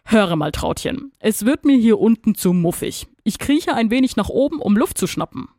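A woman's voice: on the high side, animated, moderate pace, dark tone, dry recording, voice pushed up. Woman voicing a fatalistic little earthworm guy, clipped and matter-of-fact, dry close sound. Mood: deadpan.

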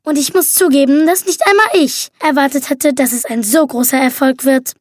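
A woman's voice: moderate pace, dry recording, clean studio sound, lightly acted. A woman reader voicing a vengeful, cold young woman who mocks her captives in an audiobook. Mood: mocking. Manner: icy, mocking, shrill when enraged. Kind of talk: audiobook reading.

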